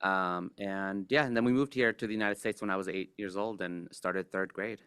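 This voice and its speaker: A man in his forties from Mexico, a guest puppeteer in a casual interview, talking in a relaxed, hesitant way with many fillers and restarts. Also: low-pitched, normal speed, smooth, dry recording, clean studio sound.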